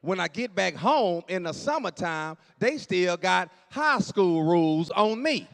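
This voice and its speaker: A man in his late forties doing animated stand-up storytelling on stage, dropping to low asides and jumping up for punchlines. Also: unhurried, gravelly. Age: 40s. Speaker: stand-up comedian. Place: church hall on stage. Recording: long hall reverb.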